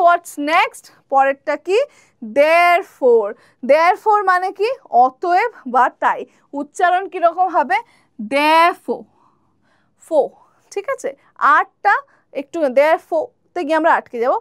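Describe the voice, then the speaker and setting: A woman teaching spoken English, slowly modelling pronunciations and asking viewers to repeat after her. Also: extremely high pitch, expressive, dry recording, studio quality. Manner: slow, drawn-out model pronunciations, then quick explanations; addresses viewers directly, asks them to repeat and comment.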